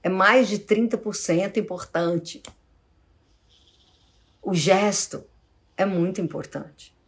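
Slow, calm Brazilian woman explaining. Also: medium pitch. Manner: calm and explanatory, acting out short examples of speech. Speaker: psychologist hosting a live Q&A. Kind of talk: casual live Q&A answering audience questions.

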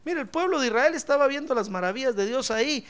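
A man preaching a lively, humorous sermon as a pastor, speaking fervently, crying out praise and often calling his listener brother. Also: very high voice, fast, clear, resonant tone. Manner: fervent, jokes, cries out praise, keeps addressing "hermano".

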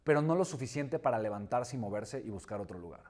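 A man voicing a calm older male dog owner, explaining plainly in a joke. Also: mid-range voice, fast talker, pitched below the performer's own voice, close to an everyday voice. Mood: matter-of-fact.

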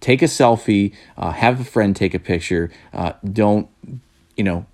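A man with a low, gravelly voice talks casually as a wedding photographer giving advice. He rambles, circles back and repeats himself, and he gets blunt and a little worked up. The tone stays loose and conversational. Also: a little slow, darkish tone. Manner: rambling, many restarts and repeated words.

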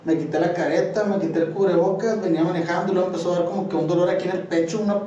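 A man's voice: sits high, steady tone, rapid-fire, warm tone, muffled recording, a little hiss or hum. A young man with a Mexican Spanish accent, telling a rambling personal story in casual chat, slangy and full of fillers. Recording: echoey room, far from mic.

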